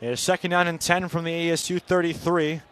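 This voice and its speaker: Briskly and in a level, clean tone, a fairly high-voiced man handles live college football radio play-by-play. His clipped, short phrases track the action, and his delivery is made to surge on big plays. The voice is a bit bright.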